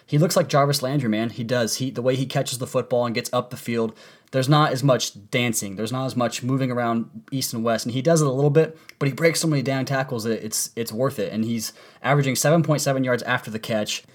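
A man's voice: mid-range voice, fairly even intonation, brisk. A man hosting a sports podcast with enthusiastic, wordy commentary, his voice strained and congested from a sore throat, like swollen tonsils. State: sore throat from a cold, voice partly lost.

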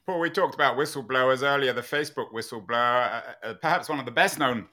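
A male interview host with a bright, forward voice at a middling pitch. He builds long conversational questions in a halting, meandering way, restarting phrases as he goes. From United Kingdom. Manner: halting, meandering, frequent false starts.

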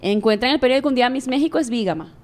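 A woman, a sports journalist chatting casually on a podcast and telling lively stories. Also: sits high, racing. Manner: lively storyteller, acts out friends' voices.

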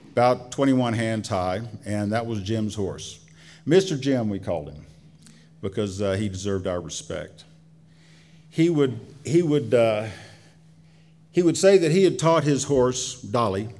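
A man with a somewhat low, slightly mellow voice tells a story live to an audience. He speaks in a folksy, colloquial way, drawing out his phrases and pausing as he goes.

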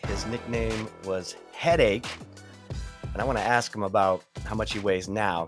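A middle-aged man from Michigan hosting a casual sports podcast, chatty and full of stories. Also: on the low side. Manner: chatty storyteller, warm welcomes. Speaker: podcast host.

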